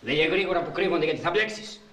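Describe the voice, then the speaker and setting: Actor as harsh threatening cop, rapid barked orders, distant in an echoey space. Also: male voice, fairly high pitch, background noise, natural voice. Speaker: police officer.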